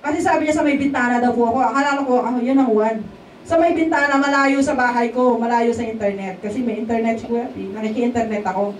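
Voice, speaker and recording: A woman's voice: on the high side, steady tone, fast. A woman from the Philippines giving a testimony at a church service in a casual, conversational way, often asking the congregation to agree. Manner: keeps checking in with the congregation. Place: church hall at a worship service. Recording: echoey hall, voice picked up from a distance, faint background noise.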